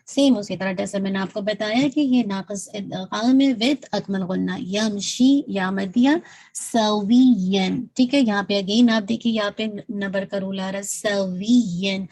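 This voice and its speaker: A woman teaching Quran recitation in a patient lesson. She works step by step, keeps checking in, and slowly draws out sounds to model them. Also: medium pitch, creaky, a little mellow. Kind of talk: instructive lesson.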